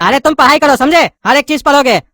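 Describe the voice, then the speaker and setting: A woman's voice: sits high, quick pace, fairly bright tone, faint music behind. Woman playing an impatient scolding cartoon schoolteacher. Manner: scolding, corrects pronunciation. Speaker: teacher.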